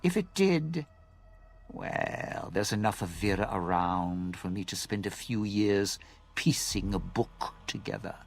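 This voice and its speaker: Dean Domino, a gravelly scheming crooner. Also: male voice, on the low side, expressive, soft background music, full character voice. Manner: sneering, drawn-out, sly. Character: bitter vengeful male lounge singer, scheming, smug. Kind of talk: video game dialogue.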